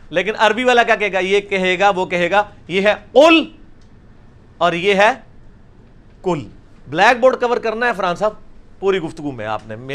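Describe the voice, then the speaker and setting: Man, high-pitched, Quran recitation teacher, patient classroom lecture. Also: a bit bright. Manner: explains patiently, with frequent "na ji" check-ins. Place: classroom with a blackboard.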